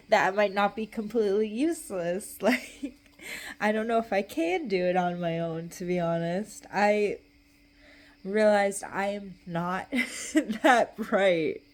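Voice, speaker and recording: A young adult woman in a casual, rambling solo chat, talking in a loose, tipsy, giggly way and trailing off mid-thought. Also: mid-range voice. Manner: tipsy, loose, meandering drunk talk. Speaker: vlogger.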